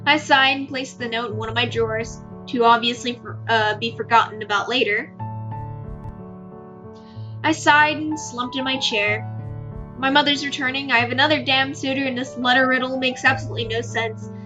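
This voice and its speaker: A woman reading a visual novel aloud with expressive asides, laughing easily and tripping over words. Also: high-pitched, normal speed, soft background music. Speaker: gamer narrating a visual novel.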